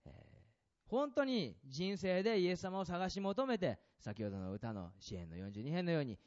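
A man preaching a sermon as a pastor, asking the congregation questions and swinging between loud and soft passages. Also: on the high side, sing-song, moderate pace, muffled recording.

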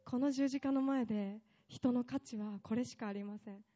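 A woman's voice: on the high side, moderate pace, dark tone, dull audio, soft background music. A woman preaching a sermon with impassioned delivery, building up long emphatic lists.

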